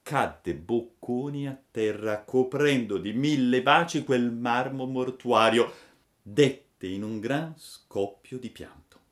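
A man reading a classic children's story aloud with expressive, dramatic narration. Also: mid-range voice, takes it slowly.

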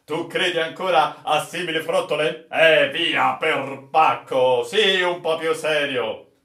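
A man voicing a boisterous, jovial ship captain who teases with loud exclamations, recorded in a roomy, echoey space. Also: fairly high pitch, slow, far from the mic, pitched above the performer's own voice. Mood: teasing. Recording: roomy echo.

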